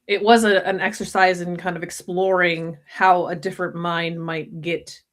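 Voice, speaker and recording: A woman's voice: fairly low pitch, flat delivery, moderate pace. A woman hosting an interview, asking thoughtful, winding questions with restarts. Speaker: podcast host.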